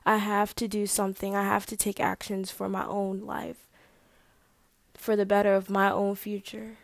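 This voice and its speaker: A young woman talking to the camera in a personal video diary, hesitant and halting, sometimes dropping to a soft whisper. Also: medium pitch, monotone, gravelly, no echo. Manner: hesitant, halting, full of fillers; drops to a soft whisper at times. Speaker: vlogger.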